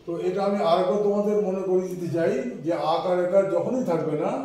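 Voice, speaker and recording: A man's voice: high voice, steady tone, fast, warm tone, very echoey, distant mic, slight background noise, poor audio. A man teaching an English class, patiently repeating and spelling out letters one by one. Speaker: English tutor. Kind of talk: online class explanation.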